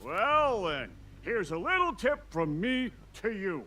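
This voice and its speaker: A cheeky, salty pirate townsman from a video game. The voice is bright and high, swinging animatedly through wry, theatrical gossip, with music behind. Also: big pitch swings, slow, exaggerated voice. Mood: wry, helpful. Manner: theatrical, folksy, wry storytelling. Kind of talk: video game character dialogue.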